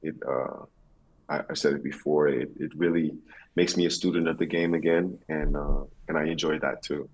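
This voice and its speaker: Male athlete interviewee, extremely low husky voice, reflective and halting. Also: fairly even intonation, rough recording. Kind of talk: conversational interview answers.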